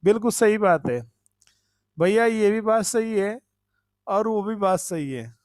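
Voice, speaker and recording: Man with a high voice giving a devotional talk, chatty, keeps asking the audience stuff, dry close mic. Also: expressive, measured pace, dry recording. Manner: conversational, repeats phrases, asks the audience questions; reads and thanks commenters by name. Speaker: preacher. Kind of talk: devotional discourse.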